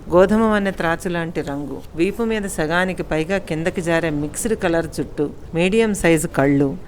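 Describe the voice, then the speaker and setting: A woman with a fairly low voice reads a romantic tale as an audiobook, calm and steady, and gives the characters' lines small changes of voice. Soft music plays faintly under her narration. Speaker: storyteller.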